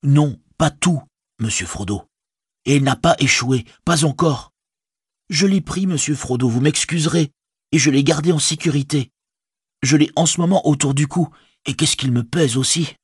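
A man's voice: fairly high pitch, moderate pace, husky, no echo, studio quality, voice pushed up. Sam Gamgee, a man doing a humble loyal hobbit. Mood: devoted. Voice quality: folksy colloquial speech, deferential. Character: loyal humble young male hobbit servant, earnest. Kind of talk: audiobook character voice.

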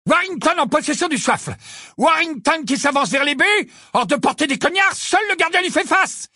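A man's voice: very high voice, expressive, bright, forceful tone, no echo, clean studio sound, pitched above the performer's own voice, heavily acted. A man voicing Lee Jordan, eager young commentator. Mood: excited. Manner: rapid, breathless play-by-play, cheering. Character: excitable young male quidditch commentator. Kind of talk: audiobook character voice.

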